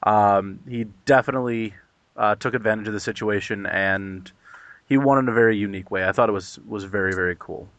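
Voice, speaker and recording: A man's voice: lowish voice, brisk, a bit bright, no echo. A man co-hosting a casual fan podcast, speaking hesitantly with many ums and restarts. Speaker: podcast co-host.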